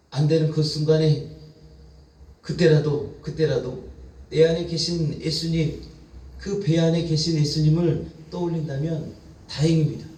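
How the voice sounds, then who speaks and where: Male pastor, higher-pitched voice, storytelling sermon delivery, mic set back in a reverberant church. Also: a little mellow, recorded from a distance. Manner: vivid retelling with repeated phrases. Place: church sanctuary.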